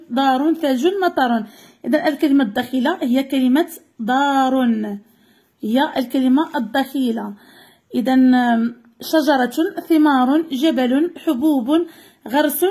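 A woman teacher with a Moroccan accent reading a story and going through exercises, repeating answers clearly for pupils. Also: high-pitched, unhurried, dark tone. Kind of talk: Arabic lesson and story reading.

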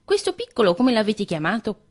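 A woman's voice: fairly high pitch, sing-song, brisk, darkish tone, pitched above the performer's own voice. A woman voicing a trusting, homebound male mouse in a read-aloud fairy tale, earnest and puzzled.

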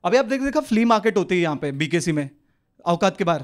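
A young man with a Mumbai Hindi accent doing an animated stand-up set on a club stage, swinging his voice into quick street characters. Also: sits high. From India. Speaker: stand-up comedian. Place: comedy club stage with live audience. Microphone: handheld stage mic. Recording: live club recording with audience laughter.

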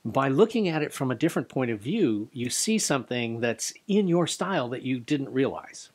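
A man's voice: mid-range voice, big pitch swings, normal speed. An older man in his sixties, a martial arts instructor, speaking earnestly to camera in a dojo, with small restarts. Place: dojo studio indoors. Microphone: studio condenser mic beside him.

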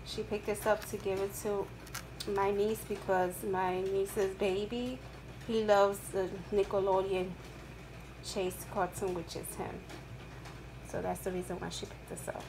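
A middle-aged woman, off-screen, narrating a shopping haul in a slow, chatty, upbeat way, recorded at home on a camera mic. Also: mid-range voice, flat delivery. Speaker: haul vlogger. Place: indoors at home, rain outside. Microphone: camera mic, off-screen, hands in frame. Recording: rain noise in background.

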